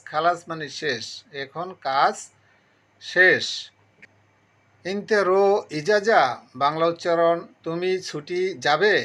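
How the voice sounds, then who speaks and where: A man's voice: a little high, bright, forceful tone. A man giving a phrase-by-phrase language lesson, methodically explaining each word and then repeating the full meaning. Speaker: language teacher.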